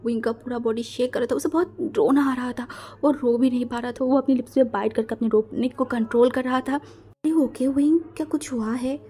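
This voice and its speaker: A woman's voice: fairly high pitch, steady tone, fairly quick. A woman narrating a fan fiction story, acting out the quarrels with strong emotion. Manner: emotional, voices quarrels loudly.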